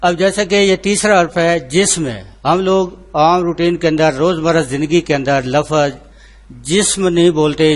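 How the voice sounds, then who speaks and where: A man teaching an online lesson, spelling words out letter by letter in a slow, deliberate way and answering his own questions. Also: fairly high pitch. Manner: repeats filler phrases, asks and answers himself.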